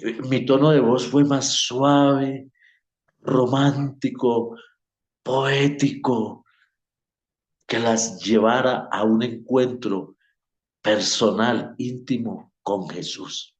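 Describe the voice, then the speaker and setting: A man teaching a homiletics class at church, speaking in a conversational way with frequent pauses and fillers. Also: medium pitch, echoey room.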